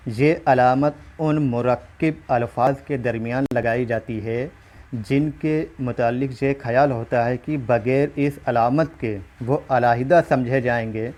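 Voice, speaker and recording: A man's voice: mid-range voice, fairly even intonation, measured pace, a little mellow. Man teaching an exam-prep lesson. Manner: explains step by step, often asks listeners "ठीक है साथियों". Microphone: recorded while writing on a screen.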